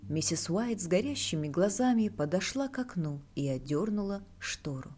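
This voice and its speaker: Dark-voiced woman narrating a horror tale. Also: lowish voice, animated, normal speed, soft background music. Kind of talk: audiobook narration of a horror story.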